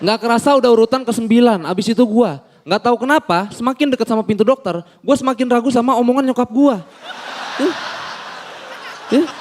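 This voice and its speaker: Animated high-voiced young comedian. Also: male voice, fairly quick. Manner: animated storytelling, acting out characters in shifting voices. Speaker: stand-up comedian. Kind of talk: stand-up comedy set.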